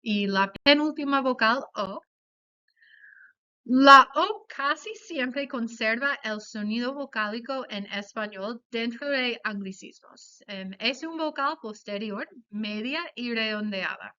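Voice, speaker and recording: A woman giving a class presentation on pronunciation, explaining carefully and saying example words slowly. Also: on the high side, bright, forceful tone, smooth. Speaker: student presenter. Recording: dull lo-fi sound.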